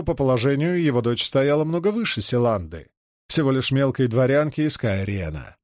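Male narrator, audiobook, measured storytelling, medium pitch, dry close sound. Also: darkish tone, dry recording. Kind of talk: scripted narration.

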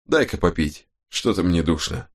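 A man voicing a blunt, coarse-spoken male helper in a low, gruff voice. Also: lively intonation, moderate pace, full character voice.

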